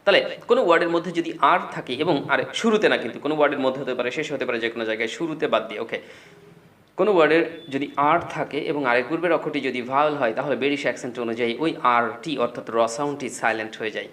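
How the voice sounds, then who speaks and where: A man's voice: mid-range voice, fast, fairly bright tone. A man teaching a spoken English lesson, explaining patiently and repeating words as drills.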